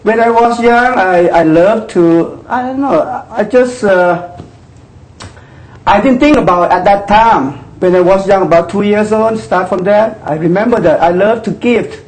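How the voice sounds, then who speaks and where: A man's voice: sits high, a little slow, darkish tone, poor audio. A man in his sixties from northeast Thailand with a Thai accent, a yoga instructor talking as a guest in a casual interview, rambling with restarts and repeated words. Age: 60s.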